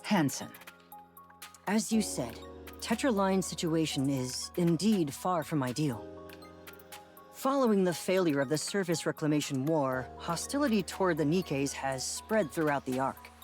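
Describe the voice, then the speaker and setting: An actor voices a composed, formal corporate representative in a video game, heard through a robotic voice changer and speaking in a measured, persuasive, earnest way. The male voice is a little high, animated and darkish in tone, with faint music behind.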